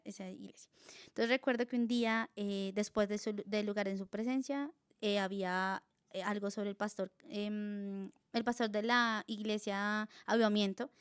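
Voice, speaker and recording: A young woman with a Colombian accent, a guest telling her personal faith testimony in casual, animated storytelling, acting out her own past dialogue with many fillers. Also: medium pitch, clear, resonant tone, no room sound, clean studio sound.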